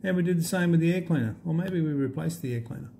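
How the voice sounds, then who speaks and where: A man walking through an app demo in a relaxed, halting way with many fillers. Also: fairly high pitch, vocal fry, slight background noise. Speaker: app demonstrator. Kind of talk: unscripted screen demo walkthrough.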